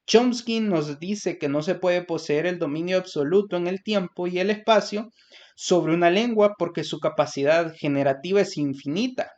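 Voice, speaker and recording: In a lo-fi, muffled recording, a young man from El Salvador with a Salvadoran Spanish accent gives a class presentation, explaining from his notes. His voice is high and a little mellow at a moderate pace, and he uses many fillers and restarts.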